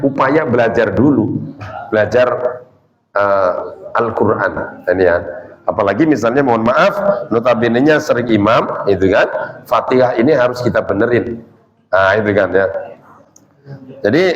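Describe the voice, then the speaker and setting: A man giving a relaxed religious study lecture, explaining points and checking in with listeners with rhetorical questions. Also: medium pitch. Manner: explanatory, frequent rhetorical "ya" and "gitu kan". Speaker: Islamic study teacher. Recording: echoey, slightly dull lecture recording.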